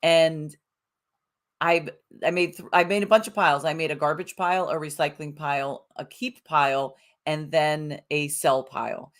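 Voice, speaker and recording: A woman's voice: low-pitched, fairly even intonation, normal speed. A middle-aged woman hosting a live-streamed self-help show, talking casually and bubbly to viewers, greeting them by name and rambling with fillers.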